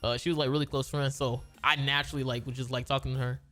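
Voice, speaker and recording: A man's voice: mid-range voice, level tone, fast, sharp tone, soft background music. Slangy man telling a rambling story. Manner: rambling, repeats and restarts, slangy. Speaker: gaming video creator. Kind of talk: casual storytelling.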